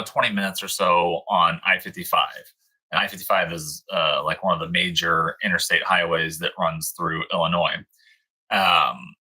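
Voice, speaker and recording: A man's voice: deep voice, bright, forceful tone, low-quality recording. A man in his thirties, rambling through a story with lots of fillers on a casual livestream. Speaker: co-host of a dog breeder livestream.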